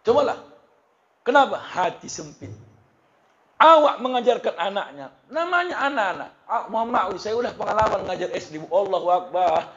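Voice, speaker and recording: A man preaching a humorous sermon at a religious study gathering, talking in a lively, joking way and often addressing the women in the audience. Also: high voice, normal speed, muffled recording. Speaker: Islamic preacher.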